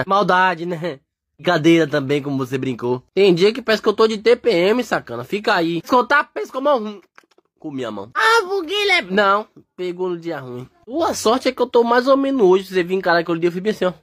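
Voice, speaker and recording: A man's voice: high-pitched, sing-song, a bit bright, exaggerated voice. A man voicing a cocky street dog. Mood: cocky teasing. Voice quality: rowdy, teasing, quick to laugh. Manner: swings between mock threats and joking. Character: brash street-smart male dog, teasing and cocky. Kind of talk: comic voice-over dubbing of animal videos.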